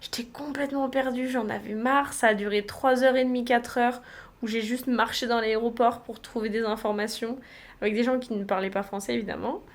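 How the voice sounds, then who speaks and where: A woman's voice: a little high, fairly even intonation, fairly quick. A young woman from France chatting in a casual travel vlog, slangy and upbeat, filmed on a handheld phone in a hotel room. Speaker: travel vlogger.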